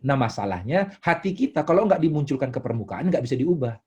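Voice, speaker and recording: A man preaching a sermon with an Indonesian accent, swinging from quiet asides to loud, emphatic bursts as he tells a story to his congregation. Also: mid-range voice, sing-song, fairly quick, breathy edge, highs cut off. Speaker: pastor.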